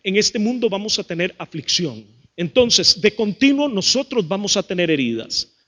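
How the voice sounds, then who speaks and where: A middle-aged Costa Rican man preaching a sermon as pastor, lively, acting out what people say and calling out to the congregation. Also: high-pitched, moderate pace. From Costa Rica. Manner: lively, acts out quotes, calls to the crowd.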